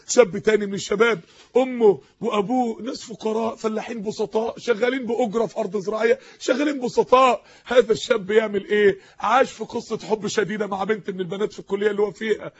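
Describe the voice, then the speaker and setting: Impassioned high-voiced Egyptian preacher. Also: male voice, husky. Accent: Egyptian Arabic. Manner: emotional, impassioned, rising to shouts. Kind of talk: impassioned sermon. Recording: dull lo-fi recording.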